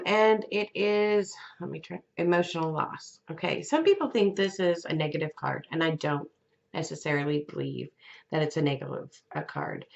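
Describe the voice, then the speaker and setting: A woman giving a weekly tarot reading in a gentle, unhurried way, with fillers and restarts. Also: sits low, lo-fi sound. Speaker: tarot reader.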